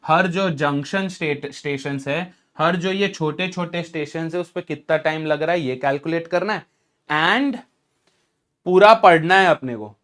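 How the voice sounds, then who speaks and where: A man's voice: high voice, a bit bright. Chatty man teaching exam tricks. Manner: chatty and emphatic, mixing Hindi and English, asks rhetorical questions. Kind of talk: casual explanatory lecture.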